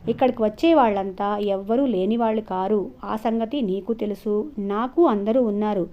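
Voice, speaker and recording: A woman's voice: mid-range voice, normal speed, highs cut off, lightly acted. A woman reading as a grieving old widow. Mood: bitter. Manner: sorrowful, choked with grief. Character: old widowed woman, grieving, bitter about her sons.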